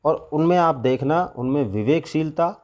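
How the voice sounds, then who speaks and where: A male school teacher giving a lesson, reading Sanskrit phrases aloud and explaining each one slowly to his students. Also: fairly high pitch, animated, a little mellow. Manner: addresses students as children, repeats "ठीक है". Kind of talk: classroom lesson explaining Sanskrit verses in Hindi.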